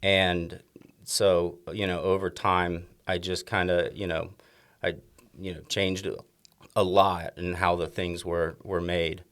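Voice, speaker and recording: A man's voice: deep voice, level tone, takes it slowly, a bit bright. A man, a chef and restaurant owner, talking casually in a podcast interview, rambling with many restarts and fillers.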